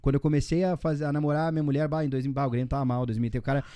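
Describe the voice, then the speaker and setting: A man in his forties with a Rio Grande do Sul accent, speaking quickly and tumbling from one story to the next. His voice is dark and mellow, heard dry and close. He keeps dropping tag questions and casual slang as he talks. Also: medium pitch, level tone, no room sound. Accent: Rio Grande do Sul Portuguese. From southern Brazil. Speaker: guest.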